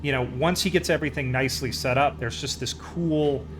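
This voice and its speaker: A man's voice: medium pitch, a little fast, background noise. A man chatting casually as a live streamer during a flight game, rambling along in an easygoing, enthusiastic way. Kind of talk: casual chat while playing a flight simulator.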